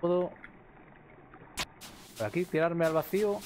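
A man, commentating a game live and reading its text aloud, excitable, swearing often and shouting suddenly. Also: on the high side, a little slow, a little hiss or hum. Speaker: streamer. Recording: game music playing clearly behind the voice.

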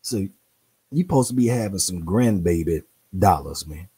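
A man's voice: sits low, animated, normal speed, mellow, slightly rough. A man hosting a show, reading from a book and breaking off into preachy, playful slang commentary with exclamations and repetitions. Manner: speaks in informal slang. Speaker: host.

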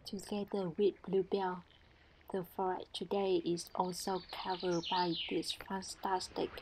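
A woman narrating a foraging vlog as a guide, speaking calmly in simple, non-native English. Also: lowish voice, slight background noise. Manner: calm, simple instructive phrasing.

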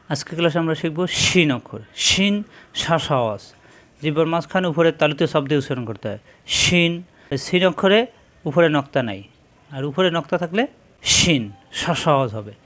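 A man with a Bangladeshi Bengali accent teaching Arabic letters, sounding out each syllable slowly and repeating it in drills. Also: on the high side, lively intonation, fairly bright tone. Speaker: Quran reading teacher. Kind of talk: slow spelled-out recitation lesson.

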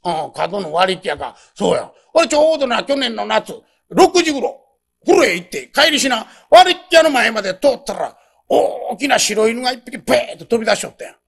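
A man in a rakugo telling plays a brash young townsman who boasts in lively Kansai dialect. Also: extremely high pitch, fairly quick, gravelly, full character voice. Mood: boastful. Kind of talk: rakugo storytelling.

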